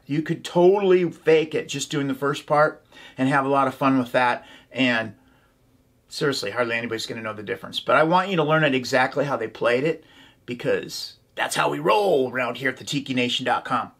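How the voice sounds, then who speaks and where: A man's voice: mid-range voice, brisk, a bit bright. A man teaching a ukulele tutorial, calling out chords and strums and chanting rhythm syllables. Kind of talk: instructional tutorial. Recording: ukulele playing behind the voice.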